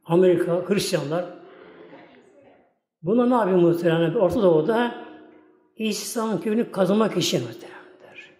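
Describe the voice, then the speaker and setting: High-voiced male preacher in an echoey hall. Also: moderate pace, long pauses, darkish tone. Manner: keeps repeating "my esteemed ones" and "like this"; folksy, rambling storyteller. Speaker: Islamic preacher. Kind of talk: religious talk with storytelling. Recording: echoey hall with long reverb, faint music.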